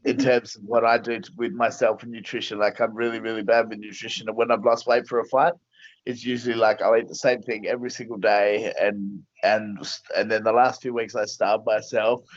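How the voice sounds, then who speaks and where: A man speaks as a fight coach in a casual interview, in a blunt, plain-spoken way. His pitch sits in the middle range. The sound is dry, close and a little dull. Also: no room sound.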